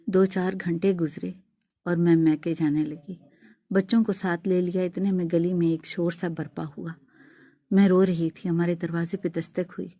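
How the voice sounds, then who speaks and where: A woman's voice: on the low side, level tone, warm tone. A woman narrating an emotional first-person story in a heartfelt, dramatic way. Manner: heartfelt and dramatic, rising to wailing pleas.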